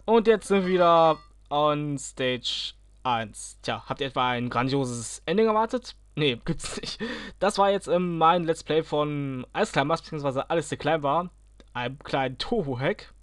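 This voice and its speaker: A man's voice: fairly high pitch, expressive, measured pace, no room sound, studio quality. A man giving casual let's play commentary, grumbling at and cheering on the game, talking to enemies.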